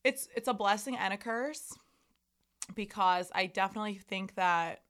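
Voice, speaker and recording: A woman's voice: mid-range voice, moderate pace, a bit bright. A young woman in her twenties co-hosting a podcast, talking in a candid, rambling and self-deprecating way with lots of fillers. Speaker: podcast co-host. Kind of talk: casual chat.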